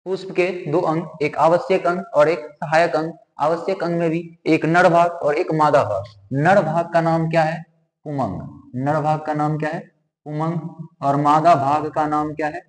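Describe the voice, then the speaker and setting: In an echoey room with long reverb, a man with a slightly high voice teaches a biology lesson while drawing. His intonation stays fairly even and his pace moderate as he poses questions, answers them himself, and repeats each term.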